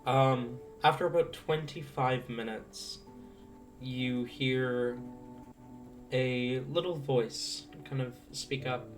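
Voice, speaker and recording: Game master, medium pitch, improvised tabletop narration, halting, thinking aloud, quiet background music. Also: fairly even intonation. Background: faint guitar music.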